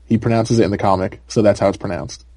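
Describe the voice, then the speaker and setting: Brief: young male podcast co-host, low mellow voice, loose rambling delivery full of "like" and "um". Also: steady tone, fast talker, husky. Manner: rambling, filler-heavy, laughs often. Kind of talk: casual chat.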